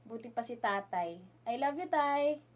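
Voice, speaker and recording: In an amateur radio drama, a woman plays an earnest young provincial student who is also an affectionate daughter, sounding reassuring and gently teasing. Her voice is a little high and animated, and her pace is a little slow.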